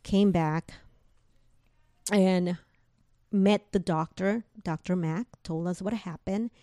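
A woman's voice: lowish voice, fairly even intonation, slow, mellow, no room sound, studio quality. A woman telling a personal story in conversation, retelling what people said through quoted dialogue, with casual fillers.

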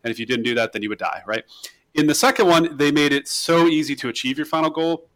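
A man co-hosting a podcast, chatting casually about video games, animated and ranting, often restarting his words. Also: fairly high pitch, fast. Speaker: podcast co-host.

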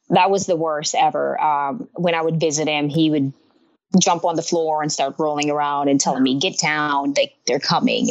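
A woman in her thirties from Honduras talks openly in a casual interview, laughing easily. Her voice sits fairly low. The recording is dull and lo-fi. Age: 30s. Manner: open, laughs easily, talks frankly about loss. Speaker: guest artist.

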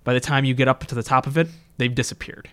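A man's voice: medium pitch, little pitch movement, fast, a bit bright, smooth. A man narrating an improvised tabletop game as game master.

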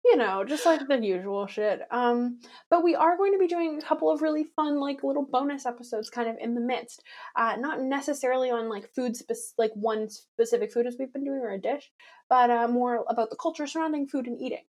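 Young woman co-host, higher voice, outspoken and sweary. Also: fairly quick, darkish tone. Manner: blunt, swears freely, opinionated. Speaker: podcast co-host. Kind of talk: casual chat.

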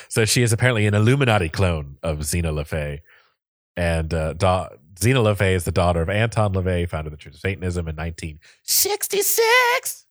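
A man's voice: sits low, normal speed, no echo, studio quality. A young man hosting a casual podcast chat, rambling with lots of fillers and frequent laughter. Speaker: podcast host.

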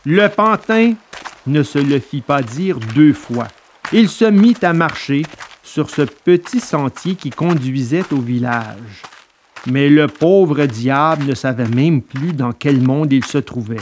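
Expressive male storybook narrator. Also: a little high, slow pace, slight background noise. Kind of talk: audiobook reading of a children's tale.

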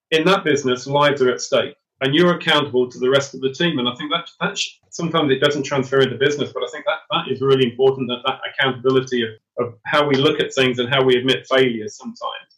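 A middle-aged man guesting on a podcast, with a voice of ordinary pitch. He talks earnestly and reflectively, often stumbling over repeated words as he begins a new point. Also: a bit bright, low-quality recording. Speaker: podcast guest, former special forces soldier. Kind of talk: casual interview chat.

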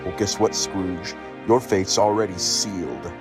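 Man doing a deep, slow, stern ghost. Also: music in the background. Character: stern male final ghost, mocking judge.

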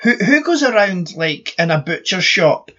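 A Scottish man co-hosting a podcast in casual chat, blunt and animated, swearing freely as he rants. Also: high-pitched, moderate pace, lo-fi sound. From Scotland. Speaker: podcast co-host.

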